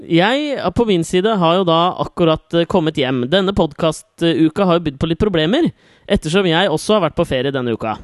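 A man's voice: fairly high pitch, lively intonation, no echo, studio quality. A man, co-hosting a podcast and bantering sardonically, with some swearing. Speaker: podcast co-host. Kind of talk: casual chat.

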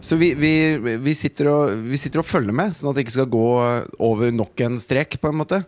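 A man's voice: medium pitch, a little mellow, no echo, clean studio sound. A man, co-hosting a podcast and telling a story in an indignant, profane way. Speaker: podcast co-host. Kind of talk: casual chat.

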